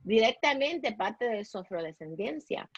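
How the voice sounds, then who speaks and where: A woman with a Puerto Rican Spanish accent tells her story as a podcast guest, stopping and restarting often and dropping in English words. Her voice is a little husky. The sound is dry and slightly dull. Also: fairly high pitch, very animated, no room sound. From Dominican Republic, raised in Puerto Rico. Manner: halting, many restarts, slips into English words. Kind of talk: personal storytelling in a podcast interview.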